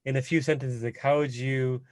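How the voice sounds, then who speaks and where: A man's voice: mid-range voice, fairly even intonation, brisk, no room sound. A man hosting a podcast interview, asking questions in a loose, hesitant way. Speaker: podcast host.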